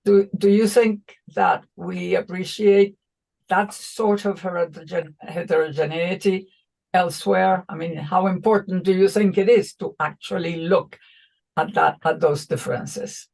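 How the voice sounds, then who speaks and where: A man's voice: sits high, fairly even intonation, measured pace, creaky, a little mellow. A man interviewing on a panel, asking thoughtful questions in an academic conversation.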